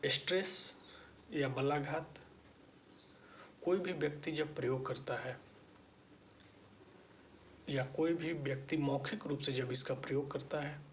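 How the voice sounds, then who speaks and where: A man lectures at a very slow, measured pace, circling back to restate each point. His voice sits a little higher than most men's. A faint hiss of background noise runs underneath. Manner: slow, deliberate explaining with repetition. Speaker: teacher-education lecturer. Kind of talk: spoken lecture.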